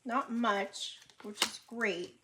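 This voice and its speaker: A woman's voice: on the high side, fairly even intonation, takes it slowly, noisy background. A woman doing a casual astrology and tarot reading for her viewers, chatty and slangy, laughing often and acting out reactions, her speech a little muffled by a retainer.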